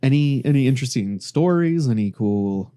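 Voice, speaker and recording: A man hosting a casual podcast chat, relaxed and telling stories and facts to his friends. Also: mid-range voice, moderate pace. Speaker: podcast host.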